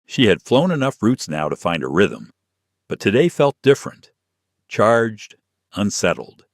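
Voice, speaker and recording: A man's voice: fairly low pitch, sing-song, a little slow, dry recording, studio quality. A man narrating a tense, dramatic story.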